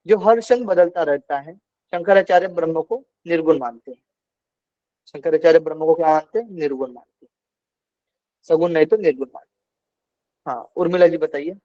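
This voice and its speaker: A man's voice: fairly high pitch, moderate pace, pauses often, no room sound, dull audio. A male teacher giving an online philosophy class, explaining patiently and repeating key points.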